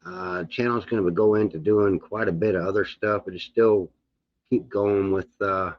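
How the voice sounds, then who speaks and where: A man vlogging casually in a halting, folksy way, his words gummy and slightly sputtering as he talks without teeth in. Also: on the low side, fairly even intonation. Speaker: video channel host. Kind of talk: casual rambling vlog talk. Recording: dull, muffled lo-fi sound.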